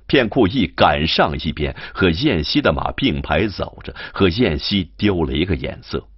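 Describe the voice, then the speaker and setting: A man narrating an audiobook of a classic novel in an unhurried, expressive storytelling manner. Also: low-pitched, breathy edge, no echo. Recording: muffled lo-fi recording.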